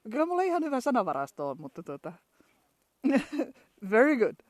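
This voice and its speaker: Out among pine trees, this Finnish woman records a travel vlog, talking loosely in her Finnish accent and often laughing as she starts over. Her voice sits fairly high with a sing-song lilt, moving at a moderate pace and slightly mellow, captured in studio quality with no room sound.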